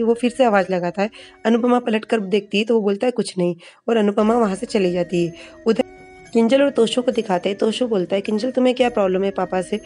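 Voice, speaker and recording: A woman narrating a TV serial episode recap in a casual, unscripted way, with pauses and restarts. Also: mid-range voice. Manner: retells scenes with filler pauses and restarts, reading dialogue flatly.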